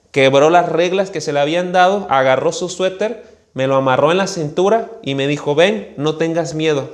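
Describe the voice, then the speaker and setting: A Mexican man preaching a sermon, telling a childhood story in an animated way and acting out the voices of the people in it. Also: fairly high pitch. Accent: Mexican Spanish. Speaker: pastor.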